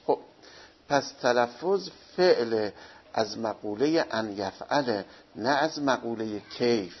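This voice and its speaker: Gravelly-voiced man giving a lecture. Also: mid-range voice. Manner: explains slowly, asks and answers his own questions. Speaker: teacher. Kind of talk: seminary lecture. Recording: dull lo-fi recording.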